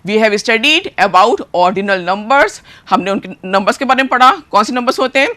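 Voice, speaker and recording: A woman with an Indian accent teaching a primary school class, explaining words slowly and spelling them out letter by letter. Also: on the high side, expressive, pushed and bright. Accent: Indian English. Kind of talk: bilingual classroom lesson.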